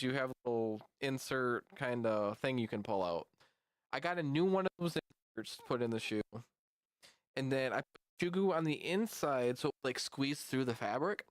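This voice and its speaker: A man's voice: medium pitch, smooth, no room sound. A man streaming live, chatting casually with his viewers in a rambling way while reacting to memes. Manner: rambling and chatty, talks to chat.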